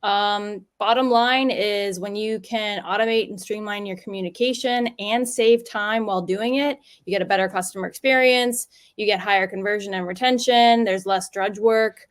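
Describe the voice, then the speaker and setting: A woman's voice: mid-range voice, steady tone, moderate pace, hardly any pauses. A woman hosting a business webinar over a video call, upbeat and chatty. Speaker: webinar host. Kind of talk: casual webinar chat.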